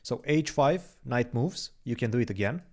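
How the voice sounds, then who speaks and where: On a chess livestream, a young co-host who grew up speaking Romanian reads chat, chats loosely with viewers and reasons through moves aloud. His mid-range voice is darkish in tone, animated, and delivered at normal speed.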